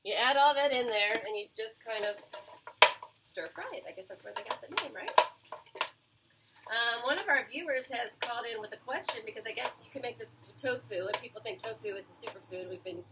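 A woman in her forties hosts a casual home cooking show from a small home kitchen, chatting to viewers while she cooks, using fillers and correcting herself. Her voice is a little high and brisk, picked up by a camera mic a few feet away amid heavy background noise and clattering pans.

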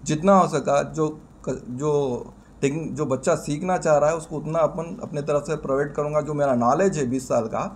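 A man's voice: on the high side, normal speed, hardly any pauses, slight background noise. A middle-aged man, a phone repair trainer explaining plainly and confidently to press mics. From India. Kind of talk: press interview. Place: indoor shop in front of press mics. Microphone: bunch of press mics on table.

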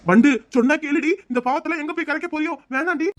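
Woman voicing a kind old father-in-law in a cartoon, highish voice, quick talker, soothing but scolding. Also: close to an everyday voice. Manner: soothing, reproachful. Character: kindly older father-in-law, gentle and fair. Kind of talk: cartoon voice acting.

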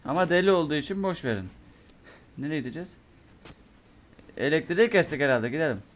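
A young man giving let's play commentary on a horror game, talking to himself and cursing in bursts, his voice going hoarse from a sore throat. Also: on the high side, animated, fast talker, slight background noise. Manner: mutters to himself, curses and reacts in bursts. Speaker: gamer playing a horror game.

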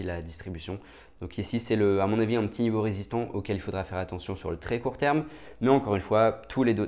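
A man's voice: on the low side, darkish tone. A man, casually talking through price charts as a market analyst, with frequent fillers, restarts and check-in questions. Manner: many fillers and restarts, asks "d'accord?" often.

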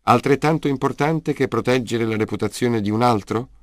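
A man's voice: medium pitch, normal speed, no echo, pitched above the performer's own voice, lightly acted. A man voicing a weary male detective in an audiobook, asking dry, probing questions. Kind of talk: audiobook character reading.

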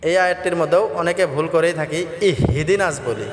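A man teaching how to pronounce verses, explaining each sound slowly and chanting the lines in a drawn-out way. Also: on the high side. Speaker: Quran recitation teacher. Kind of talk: tajweed lesson with chanted recitation. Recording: echoey hall with faint music.

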